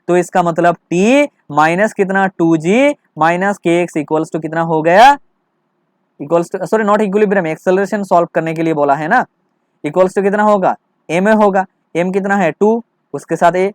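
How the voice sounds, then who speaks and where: High-voiced man teaching physics. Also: unhurried, dry recording. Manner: repeats checks and asks rhetorical questions; mixes English terms into Hindi. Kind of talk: explaining a physics problem to students.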